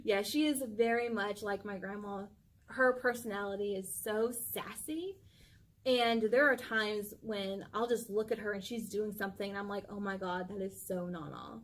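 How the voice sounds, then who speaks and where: A woman co-hosting a casual vlog, talking about her little dog. She gushes and leans on "like" as a filler. Her pitch sits at a plain middle height. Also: steady tone, moderate pace. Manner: gushing, chatty, full of "like" fillers. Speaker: channel co-host. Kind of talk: casual chat about pets.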